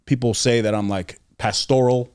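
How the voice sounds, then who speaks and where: A young adult man, a podcast guest, telling a personal story in an earnest, reflective way and often dropping to a soft, quiet voice. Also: medium pitch, steady tone, normal speed, clear, resonant tone, dry recording, studio quality. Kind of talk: casual conversational storytelling.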